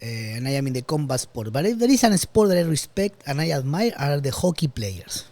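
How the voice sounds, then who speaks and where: A man's voice: a little high, sing-song, fairly quick, a little mellow, dry recording. A man from Argentina hosting a podcast interview, casual and profane, with loose phrasing. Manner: swears freely, loose non-native phrasing. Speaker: podcast host.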